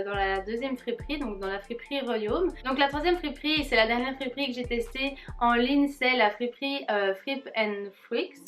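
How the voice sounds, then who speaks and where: A young woman in a casual try-on haul vlog, talking viewers through her clothes in a friendly way, often pausing on filler words. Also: a little high. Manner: hesitant, with frequent filler pauses; friendly, addressing viewers directly. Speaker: fashion vlogger.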